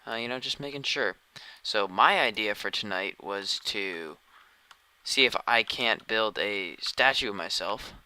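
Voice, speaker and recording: A man's voice: fairly low pitch, unhurried, sharp tone, smooth, no room sound. A tired man streaming a game, chatting casually and thinking aloud as he plays. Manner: rambling, thinking aloud while playing. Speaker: gaming streamer. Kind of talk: casual live-stream commentary.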